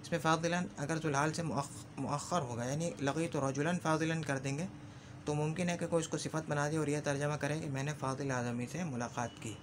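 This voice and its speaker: A man teaching Arabic grammar in a lesson, slowly repeating example phrases and often checking that the listener follows. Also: a little high, fairly even intonation, background noise. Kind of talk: explanatory lesson.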